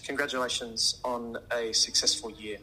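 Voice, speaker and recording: A city councillor, a man, speaking over a phone line and giving measured, courteous formal thanks at a council meeting. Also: medium pitch, fairly even intonation, bright, forceful tone.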